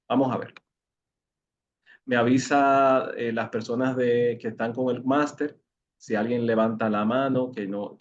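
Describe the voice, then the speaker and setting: A man with a Dominican accent leading an online educational session, explaining patiently and asking the group questions. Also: medium pitch. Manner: explanatory, asks the audience questions, repeats words when searching. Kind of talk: interactive talk to an online group. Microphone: video call. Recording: muffled video call audio.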